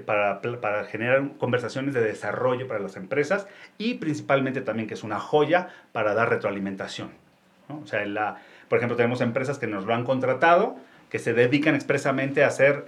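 A man's voice: mid-range voice, fairly quick. A man with a Mexican accent, an executive coach, explaining his work in a casual interview, often restarting phrases and checking in with tag questions. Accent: Mexican Spanish. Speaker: executive coach, company founder.

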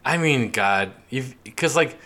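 Animated young man co-hosting a podcast. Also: medium pitch, slow. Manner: animated, laughs often, many "like" fillers. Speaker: podcast co-host. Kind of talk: casual chat.

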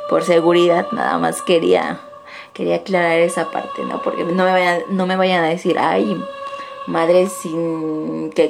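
A young woman rambles through a ghost story in casual chat, correcting herself often. Her voice has a gravelly edge, and music plays clearly beneath her. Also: fairly low pitch. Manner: rambling, many restarts and asides. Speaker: caller sharing a paranormal story.

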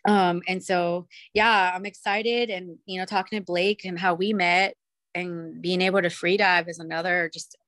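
A woman's voice: lowish voice, fairly even intonation, normal speed, fairly bright tone. Bubbly, rambling young woman from Cuba. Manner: bubbly, rambling, frequent fillers and laughs. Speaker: podcast guest. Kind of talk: casual chat.

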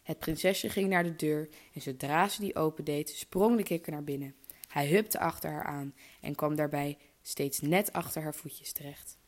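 Casting: low-voiced woman, measured fairy-tale storyteller. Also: steady tone. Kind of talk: reading a fairy tale aloud.

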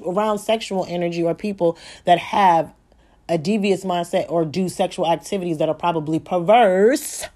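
A woman hosting a solo podcast from home, talking fast and rambling, swearing often and correcting herself as she goes. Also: mid-range voice, mellow. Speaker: podcast host. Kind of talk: solo spiritual podcast monologue. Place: home at night, child asleep nearby.

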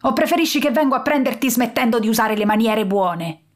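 A woman voicing a big, pompous male villain lord who blusters and shouts threats. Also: fairly high pitch, lively intonation, a little fast. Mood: gloating.

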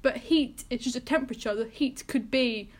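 A woman's voice: a little high, moderate pace. A young woman co-hosting a casual chat, jokey and playful, often laughing. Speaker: podcast co-host.

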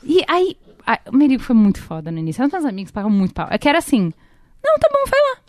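In a dry, close recording with no surrounding room, a Brazilian woman in her thirties chats casually, telling a long personal story. Her slightly high, somewhat mellow voice is very animated and very fast as she rambles along with fillers and restarts.

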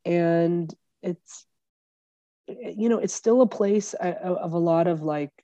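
A woman from Egypt, a lawyer and comedian, chatting as a podcast guest, animated and joking with lots of fillers. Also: on the low side, slow pace, dry recording, dull audio. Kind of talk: casual conversational interview.

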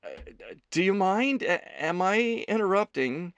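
A man voicing a gentle, shy young man who talks haltingly. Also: a little high, expressive, dry recording, voice pushed up. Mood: unsure. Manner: hesitant, halting.

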